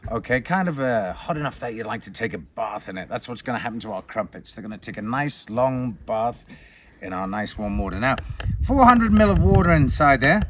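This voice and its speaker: A man hosting a cooking demonstration, talking in a showy way and swinging between loud announcements and hushed asides. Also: medium pitch, expressive, fairly quick, a little hiss or hum. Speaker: cooking show host.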